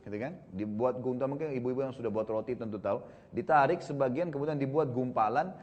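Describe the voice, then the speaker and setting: A man teaching a congregation as a religious teacher, telling a story in a conversational, animated way with many tag fillers. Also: mid-range voice, fast talker, lo-fi sound. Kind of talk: storytelling sermon.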